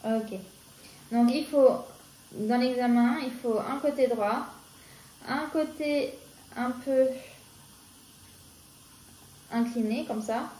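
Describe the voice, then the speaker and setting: A woman's voice: fairly high pitch, warm tone. French-accented woman, echoey room. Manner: reads English exam text haltingly, chatty asides. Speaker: nail technician vlogger. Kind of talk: casual tutorial while working. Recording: echoey room with faint ambience.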